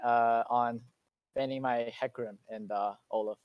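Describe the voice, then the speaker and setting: A man interviewed after winning a match, answering in short, halting sentences. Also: mid-range voice, steady tone, smooth, no room sound, highs cut off. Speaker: player being interviewed.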